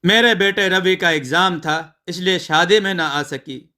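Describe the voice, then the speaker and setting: Male narrator as a chatty, showy sister-in-law, bright and slow. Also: high-pitched. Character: cheerful sister-in-law, proud of gifts.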